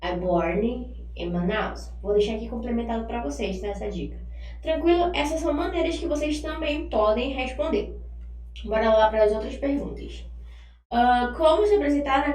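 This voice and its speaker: A woman teaching an online English lesson, chatting casually and drilling phrases slowly for students to repeat. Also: sits high, darkish tone, distant mic. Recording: echoey room, voice from off-mic, faint hum.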